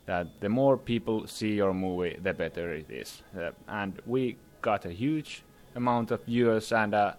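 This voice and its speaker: At a conference summit venue, the young filmmaker guest speaks at a moderate pace in a fairly low voice, with few pauses. Even so, his answers to the interview questions are hesitant and full of fillers, and he laughs as he talks.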